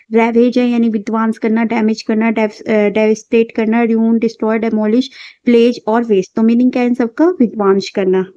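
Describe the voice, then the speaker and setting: A woman teaching vocabulary for exam prep, reading synonym lists aloud with halting restarts. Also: a little high, warm tone, no echo. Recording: dull lo-fi sound.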